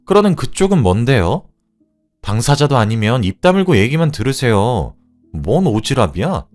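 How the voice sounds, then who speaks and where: A man's voice: medium pitch, sing-song, moderate pace, darkish tone, faint music behind, pitched above the performer's own voice, lightly acted. A man playing a sneering smug woman. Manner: mocking and condescending.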